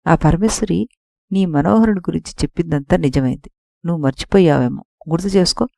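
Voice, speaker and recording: A woman's voice: fairly low pitch, a little fast, vocal fry, mellow, dry recording, studio quality. A woman voicing a caring female companion who comforts a princess, read in an audiobook story. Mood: soothing. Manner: soothing, reassuring.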